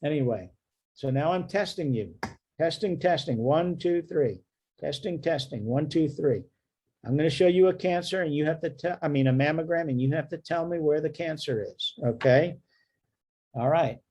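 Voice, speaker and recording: Slightly high and husky with a darkish color, this man's voice carries a radiology lecture. He keeps it jokey and conversational, frequently pausing to ask "okay?".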